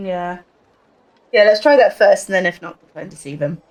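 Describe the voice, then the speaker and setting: A woman's voice: on the low side, fairly quick, poor audio. A woman chatting casually as a player in a tabletop game. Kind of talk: casual chat.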